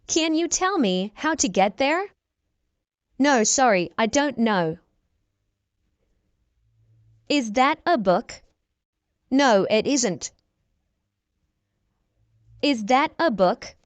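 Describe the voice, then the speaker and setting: An expressive female English teacher slowly and clearly reads everyday dialogue lines as reading practice for learners. Each exchange gets repeated at an easy pace, her high voice swings widely in pitch, and there's no echo.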